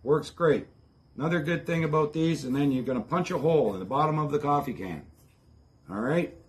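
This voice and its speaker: A man's voice: a little high, a little fast. A man in his fifties with an Ontario Canadian accent gives a casual, plainspoken how-to demonstration to the camera on a backyard patio. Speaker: host of outdoor preparedness channel. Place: covered backyard patio, outdoors.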